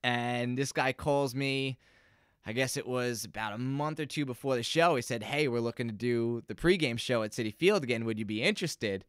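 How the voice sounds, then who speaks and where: Bright, clear-voiced young man telling stories. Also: mid-range voice, normal speed, dry recording, studio quality. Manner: chatty, acts out quoted voices in his stories. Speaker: musician guest. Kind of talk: casual interview storytelling. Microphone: close podcast microphone.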